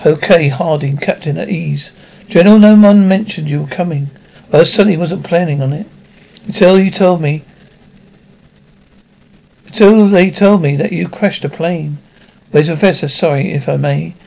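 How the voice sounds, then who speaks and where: High-voiced man acting out stumbling military drama characters. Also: normal speed, vocal fry, pauses often, darkish tone, dull audio. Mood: stern.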